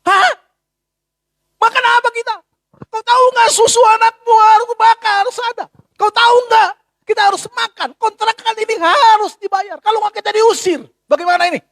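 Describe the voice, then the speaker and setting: A pastor voicing a panicked housewife who scolds her husband in a shrill, shouting voice. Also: fairly even intonation, normal speed, no room sound. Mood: panicked scolding.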